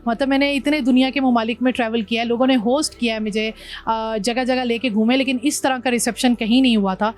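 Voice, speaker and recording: A woman's voice: on the high side, steady tone, brisk. A woman from Pakistan, a motorbike traveller, telling her journey in an interview, mixing English words into her speech. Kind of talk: interview conversation.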